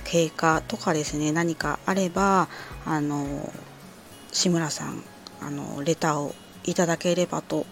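A woman's voice: deep voice, creaky. A woman hosting a solo podcast, explaining health advice informally in polite, hesitant phrases. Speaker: podcast host answering listener letters.

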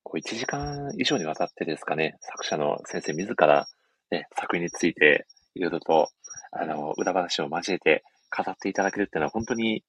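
A man's voice: low-pitched, expressive, moderate pace, fairly bright tone, husky, no room sound. A man hosting a radio chat, polite and attentive as he sums up and thanks his guest. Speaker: podcast host.

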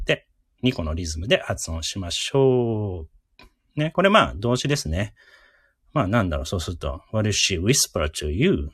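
A man with a low, husky voice hosts a casual live radio lesson. He is chatty and encouraging and slows down to repeat each word for listeners to drill. His pitch swings widely, and the close mic sounds dry. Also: no echo. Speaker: radio host teaching English words.

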